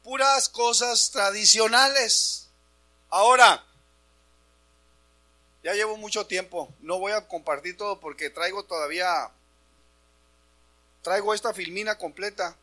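A male preacher delivers an animated Easter sermon to his congregation. His voice sits high and sounds bright and forceful, and he often raises it to make a point. A faint mains hum runs under the church recording. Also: a little slow, long pauses. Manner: animated, addresses congregation as brothers, shouts for emphasis. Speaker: pastor.

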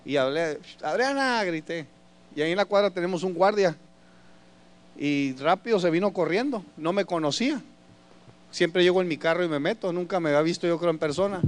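High-voiced pastor preaching. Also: male voice, a little fast. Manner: animated storyteller addressing the congregation as brothers. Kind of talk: sermon.

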